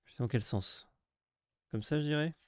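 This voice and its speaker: A man's voice: moderate pace, dry recording. Sarcastic man joking through a card unboxing. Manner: sarcastic, self-mocking banter with crude jokes; breaks into sudden high excited yelps. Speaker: streamer opening card packs. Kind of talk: casual unboxing commentary.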